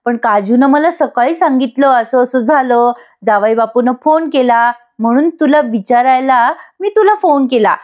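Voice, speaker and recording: A woman's voice: high voice, lively intonation, normal speed, hardly any pauses, a little mellow. A woman voicing a fussing mother who dotes on her son-in-law and scolds her daughter. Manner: scolding, nagging, rustic turns of phrase.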